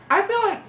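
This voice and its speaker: A woman's voice: very high voice, highs cut off. A young woman hosting a mukbang, chatty and giggly, talking with her mouth full. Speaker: mukbang host. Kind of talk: casual chat. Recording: echoey room with faint noise.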